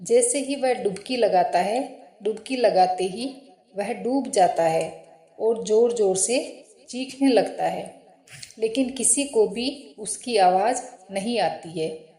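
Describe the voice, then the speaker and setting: A woman narrating a devotional folk tale in a measured storybook manner. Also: medium pitch, warm tone. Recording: roomy echo.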